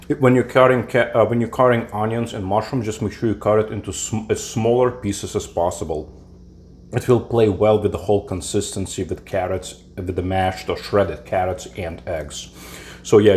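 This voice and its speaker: Low-voiced man hosting a cooking show. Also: a little hiss or hum. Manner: relaxed, halting explanations with fillers. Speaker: cooking channel host. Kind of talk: home cooking tutorial. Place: home kitchen.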